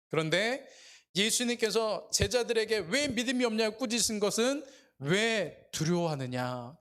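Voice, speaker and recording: A male pastor preaching at a Friday evening service in an easy, conversational way, retelling the story with many pauses and fillers. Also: sits high, fairly bright tone. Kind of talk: sermon.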